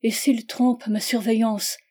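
A woman's voice: fairly high pitch, flat delivery, a little slow, dark tone. A woman voicing a trembling young wife whose speech breaks into indignant, emotional outbursts.

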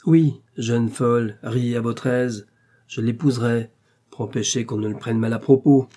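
A man reading aloud, voicing a haughty, sharp-tongued old countess in an audiobook. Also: mid-range voice, fairly even intonation, a little slow, lightly acted. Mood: grandly teasing. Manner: haughty, teasing, emphatic.

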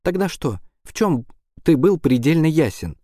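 A man's voice: on the high side, big pitch swings, normal speed, mellow, dry recording, studio quality, pitched above the performer's own voice. A man voicing a hurt teenage girl who questions someone in a cold, accusing way, in an audiobook.

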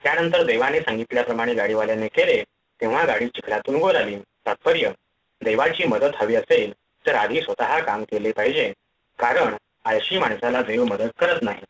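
A man narrating fables for an audiobook in a measured, formal reading voice. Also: mid-range voice, expressive, fairly bright tone, far from the mic, rough recording.

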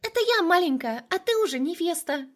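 A woman voicing a playful, teasing little girl in an audiobook, with a squeaky singsong voice. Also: animated, fairly quick. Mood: teasing squeal. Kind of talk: audiobook character voice.

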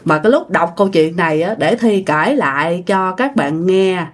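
A woman's voice: fairly low pitch, normal speed. Chatty woman storyteller. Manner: chatty and animated, with repeated words and regional fillers. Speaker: storytelling channel narrator. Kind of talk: spoken ghost and spiritual story narration.

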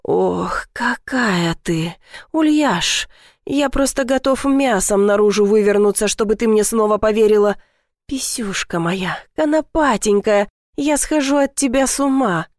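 A woman's voice: medium pitch, a little slow, dry recording, studio quality, lightly acted. Woman reading as a lovesick young man. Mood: passionate.

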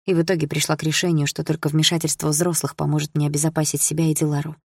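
A woman reads a first-person audiobook, her voice sitting low. She tells it in a steady, dramatic way, with a dry, close sound and no room around it. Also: very fast, husky, dry recording. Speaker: audiobook narrator.

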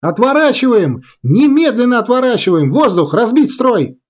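A tense, decisive young woman pilot, as a male narrator puts her on barks orders over the radio in a strained, high voice. The tone is husky and dark, and it leaps around sharply. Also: animated, a little slow. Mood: alarmed shouting.

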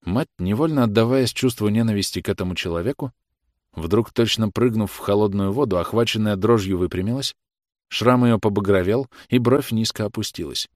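A man narrating a classic novel in a measured, grave manner. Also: fairly low pitch, no echo, studio quality. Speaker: audiobook narrator. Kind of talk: literary audiobook narration.

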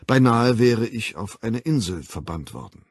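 A man voicing a calm, worldly male ruler who lectures in a measured, ironic way, in an audiobook. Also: fairly low pitch, husky, no echo, clean studio sound. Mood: calm superior.

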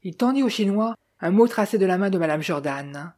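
A woman reading a detective novel aloud with steady, even storytelling. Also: mid-range voice, a little fast. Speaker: audiobook reader. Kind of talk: scripted narration.

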